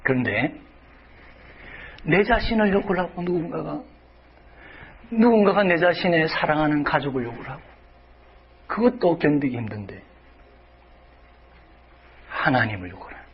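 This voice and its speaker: A man's voice: a little high, lively intonation, a little slow, pauses often, highs cut off, slight background noise. A male pastor preaching a sermon dramatically, dropping to whispers and rising to cries.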